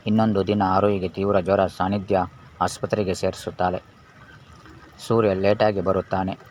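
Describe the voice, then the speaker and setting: A man narrating a serialized story in a measured, unhurried reading. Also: sits low, little pitch movement, a little mellow. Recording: dull lo-fi with faint hiss.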